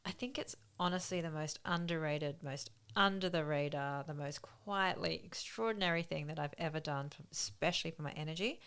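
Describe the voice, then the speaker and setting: A confident woman co-host with a notably low voice for a woman. She delivers her segment with emphasis, in an informative, semi-scripted way. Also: fairly bright tone, smooth.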